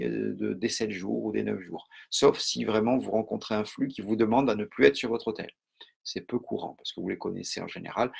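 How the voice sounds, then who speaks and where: Un homme avec un accent français donne un cours en direct sur le mentalisme, d'un ton calme et posé, avec beaucoup de pauses et d'hésitations. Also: male voice, fairly low pitch, creaky, slightly rough. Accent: French. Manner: calm, measured, with many pauses and fillers. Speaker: mentalism teacher. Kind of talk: live online lesson.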